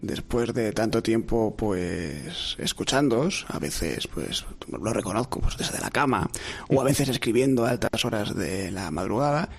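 A man's voice: on the low side, lively intonation, a little slow, gravelly, slightly rough. Man as a radio science guest. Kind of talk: radio interview.

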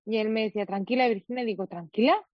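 A woman's voice: medium pitch, fast talker, dry recording, dull audio. A young woman from Spain, a guest in an interview, recounting a difficult personal experience with many quoted dialogues and restarts. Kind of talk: emotional personal account in an interview.

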